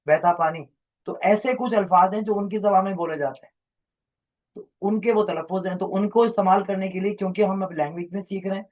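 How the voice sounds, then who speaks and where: A man's voice: sits high, fairly even intonation, a little fast, muffled recording. A man teaching a class, lecturing in a rambling, explanatory way and quizzing his students.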